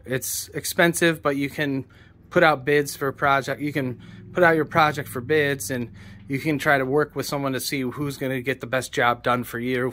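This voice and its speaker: In a casual vlog shot on a phone at arm's length in a small room, a male songwriter and producer in his forties describes his process. His voice is mid-range and fairly bright, and his delivery is plain, rambling, and full of self-corrections.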